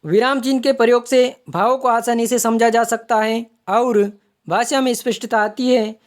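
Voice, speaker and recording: A woman's voice: fairly high pitch, fairly even intonation, normal speed. A woman teaching an online exam-prep grammar lesson, explaining step by step and repeating each term as she points it out. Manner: explanatory, repeats terms while pointing them out.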